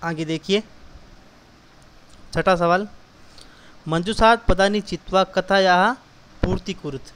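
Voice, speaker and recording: A man's voice: high-pitched, slow, fairly bright tone, slight background noise. Patient male teacher explaining word by word. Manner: repeats and glosses each word, patient step-by-step explaining. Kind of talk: explaining textbook exercises to schoolchildren.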